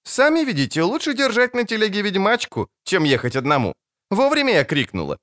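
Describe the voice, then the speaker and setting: A man's voice: high-pitched, wildly swooping pitch, a little fast, fairly bright tone, voice pushed up, heavily acted. A man voicing a cheeky young girl in an audiobook, pert and teasing. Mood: curious. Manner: pert, sing-song teasing. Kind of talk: audiobook character voice.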